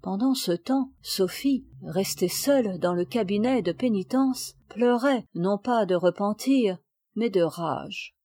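A woman reading an audiobook of a classic children's story in a steady, clear storytelling manner. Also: mid-range voice, slow pace, dry recording, clean studio sound. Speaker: audiobook reader. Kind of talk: scripted narration.

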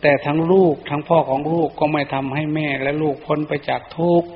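A man doing a gentle mother ghost. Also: fairly high pitch, flat delivery, fairly quick, lightly acted. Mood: tender, pleading. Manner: soft pleading consolation. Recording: echoey dull lo-fi recording.

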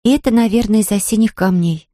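A woman's voice: high voice, steady tone, brisk, a little mellow, no room sound, clean studio sound, pitched above the performer's own voice, close to an everyday voice. A woman voicing a thoughtful young girl in an audiobook.

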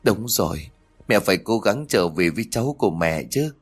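A frail elderly mother voiced by a man speaks weakly and with sorrow. The voice sits low. It is part of a read-aloud story. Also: lively intonation, normal speed, slightly rough, soft background music. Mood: resigned. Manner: weak, sorrowful.

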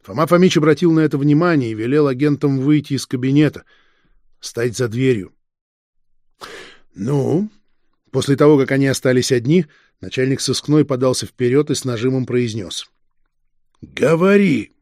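This male audiobook narrator tells the story in a steady, expressive way with a mid-range voice. The recording is dry and studio quality.

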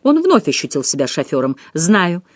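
A woman with a low voice reads a novel aloud, her pitch rising and falling a lot. The recording is dry and close, with no room sound. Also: fairly quick, dry recording. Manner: expressive storytelling. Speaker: audiobook reader. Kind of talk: scripted narration.

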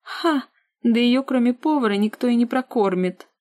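A woman's voice: mid-range voice, steady tone, normal speed, warm tone, no echo, clean studio sound, natural voice. A woman voicing a spoiled, capricious young woman who shrieks and sneers at her sister in an audiobook. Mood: mocking scornful.

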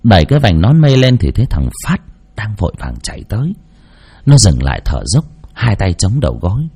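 Low, husky male storyteller. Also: wildly swooping pitch, brisk, dark tone. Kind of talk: scripted narration.

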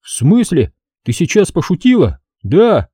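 A blunt young soldier in an audiobook, talking fast in slang and with impatience, played by a man narrating. His voice is pitched a bit higher than the narrator's, with a dark, husky grain. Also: huge pitch swings, no room sound, studio quality, full character voice. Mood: agitated.

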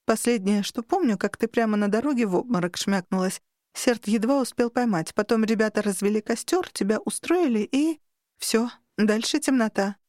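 A woman voicing a sarcastic, sharp-tongued female monster with claws in an audiobook, mocking and tart. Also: fairly high pitch, normal speed, no room sound, clean studio sound, natural voice. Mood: tired. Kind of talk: audiobook character reading.

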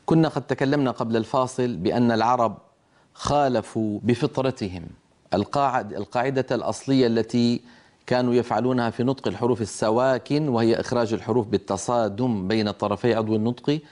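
Brief: male tajweed teacher, mid-pitched, patient, models each sound for the class. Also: darkish tone. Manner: patient, demonstrates letter sounds aloud; asks listeners to repeat after him. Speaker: Quran recitation teacher. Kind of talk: televised tajweed lesson.

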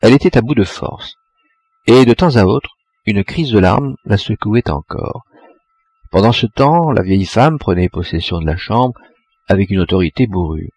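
A man reading a classic story aloud with measured, expressive narration. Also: lowish voice, husky. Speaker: audiobook reader. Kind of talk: audiobook narration.

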